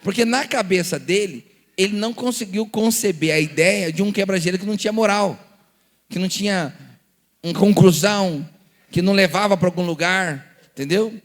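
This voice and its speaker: A man's voice: high voice, moderate pace, big-room sound. A man with a Brazilian Portuguese accent, a pastor teaching a church seminar, telling stories and acting out the dialogues with rhetorical questions. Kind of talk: lively church seminar talk.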